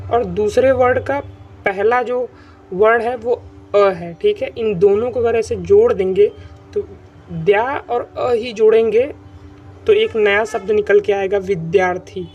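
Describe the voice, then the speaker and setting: A man's voice: high voice, darkish tone. A man teaching an online grammar lesson who repeats his points and keeps checking that students follow. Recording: dull lo-fi recording with faint music.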